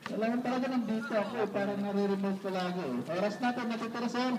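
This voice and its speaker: A man's voice: high voice, fairly even intonation, fast talker. A man from the Visayas announcing an amateur basketball game, polite and joking with players and coaches. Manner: polite, joking, says sir and po. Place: indoor basketball court. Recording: echoey gym PA from far off. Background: loud crowd and game noise.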